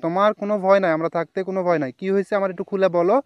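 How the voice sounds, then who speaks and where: Young man, high voice, dry close sound, urgent and soothing, repeats himself. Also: fairly even intonation, rapid-fire, smooth, no echo, lo-fi sound. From Bangladesh. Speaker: passer-by helping a runaway child. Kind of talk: staged street skit.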